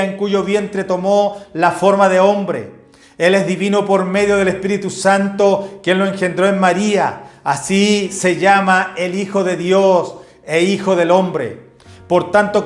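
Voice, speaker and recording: A male pastor preaching a doctrinal sermon and citing Bible verses one after another. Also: high-pitched. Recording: echoey room with faint music.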